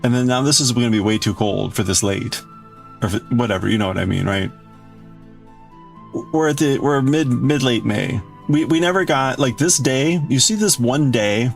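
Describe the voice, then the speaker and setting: During a casual livestream where he crafts and reads out viewer chat, a male host greets and answers his audience in a rambling, exclamatory way. He speaks with a gravelly, mid-range voice.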